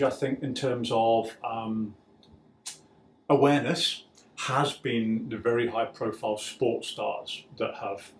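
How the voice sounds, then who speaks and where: Scientist guy explaining things, says you know a lot, echoey room, faint background hum. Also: mid-range voice. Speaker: medical researcher. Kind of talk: interview.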